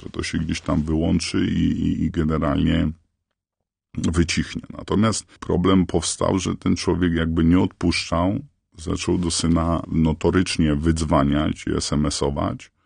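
A man whose voice is altered to disguise him for anonymity. He speaks haltingly and earnestly as a parent guest in a radio interview. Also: level tone, creaky, a little mellow, slightly rough, no room sound. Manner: halting, earnest, searching for words. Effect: voice electronically altered and lowered to stay anonymous.

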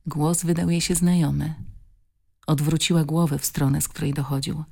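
A woman narrating an audiobook in a calm, measured, expressive reading style. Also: low-pitched, gravelly, slightly rough. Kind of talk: scripted narration.

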